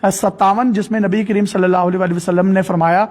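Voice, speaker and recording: A man's voice: high voice, steady tone, darkish tone. A man hosting an interview, explaining an app step by step in devout phrasing. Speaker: host.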